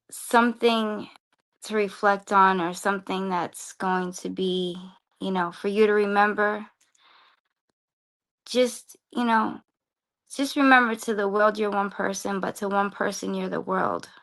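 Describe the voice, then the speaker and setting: A woman guest on a podcast talking casually about her projects and acting out conversations with excitement. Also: medium pitch, unhurried, long pauses. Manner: excitable, acts out quoted dialogue. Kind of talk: casual interview chat.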